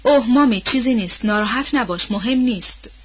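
Melanie, a gentle young lady, as a woman reader puts her on. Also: fairly high pitch, breathy edge, lo-fi sound. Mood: soothing. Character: young gentle lady, soft-hearted and hesitant.

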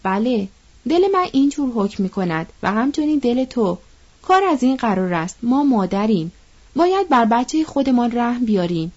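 A woman reading an audiobook, voicing a calm, wise older mother who speaks gently and reasons patiently. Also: on the high side, muffled recording. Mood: reasoning.

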